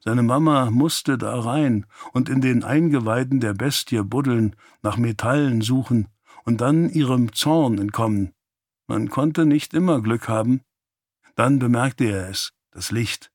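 A man narrating an audiobook in a calm, even storytelling manner. His voice sits at a middle pitch, recorded close and completely dry. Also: no room sound. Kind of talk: scripted narration.

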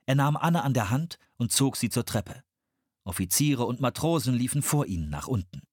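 A man narrating a children's adventure audiobook in an expressive storytelling manner, recorded on a close studio mic. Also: medium pitch, normal speed, breathy edge, dry recording.

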